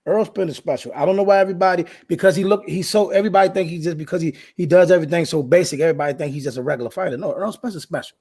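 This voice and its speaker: Man, late forties, raspy gravelly voice, emphatic, repeats himself, casual sports debate. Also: on the high side, racing, few pauses, darkish tone. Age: 40s. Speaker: co-host.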